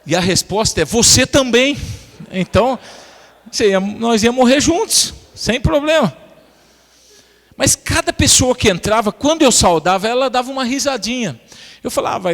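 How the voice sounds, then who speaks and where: Gravelly preacher in echoing church. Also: male voice, high voice, fairly quick. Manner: lively storyteller, addresses the congregation as brothers. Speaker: pastor. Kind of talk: sermon with humorous personal anecdotes. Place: church sanctuary.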